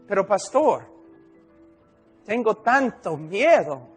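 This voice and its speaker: A man's voice: high voice, sing-song, slow pace, husky, heavily acted. A male preacher voicing a frightened woman who anxiously pleads for help in a sermon. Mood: pleading. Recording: echoey hall with soft piano music.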